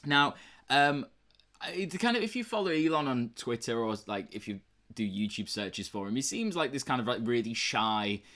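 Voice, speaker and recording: A man's voice: medium pitch, lively intonation, normal speed, fairly bright tone. A young British man co-hosting a book review chat, talking casually and rambling with lots of fillers and restarts. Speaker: book review podcast co-host.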